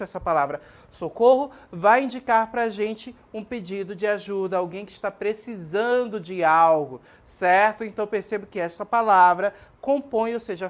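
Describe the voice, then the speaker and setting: A Brazilian woman teaching a televised lesson in a clear, didactic way. She addresses students as "minha gente" and "pessoal" and keeps checking that they follow along. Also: mid-range voice. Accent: Brazilian Portuguese. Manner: didactic, frequent checking questions like ok and certo.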